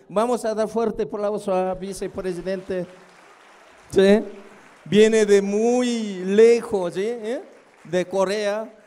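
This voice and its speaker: A man whose first language is Korean, presenting a seminar in non-native Spanish, joking with the audience, chuckling often and checking in with quick questions. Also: high voice, mellow. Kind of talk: live seminar talk to an audience. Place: hotel event hall.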